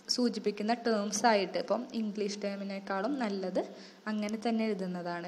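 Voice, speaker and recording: A young woman teaches in a steady, methodical way, glossing each term in English. Her voice sits at an ordinary pitch. The recording carries a long reverb, as in a hall. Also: a little hiss or hum. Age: young adult. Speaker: student tutor. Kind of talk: exam-focused lecture.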